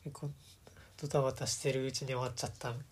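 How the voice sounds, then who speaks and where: A woman's voice: rumbling low, level tone, fast, slightly rough. A woman hosting a casual chat, asking questions and agreeing often in an encouraging way. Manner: encouraging, frequent agreeing backchannels.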